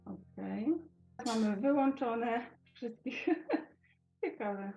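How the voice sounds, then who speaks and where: A woman leads an online class over a video call, speaking in a friendly, instructing way. Her voice comes through a bad connection, dull and lo-fi, as if through a cheap computer mic. Music plays clearly behind her. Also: fairly high pitch, extremely slow, a little mellow. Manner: friendly, instructing, greets participants. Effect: bad connection, lo-fi video call audio.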